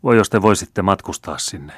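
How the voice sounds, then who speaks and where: A man's voice: sits low, fairly bright tone, no echo, clean studio sound. A man reading the lines of a wise, dutiful young woman in an audiobook, in a grave, pleading way.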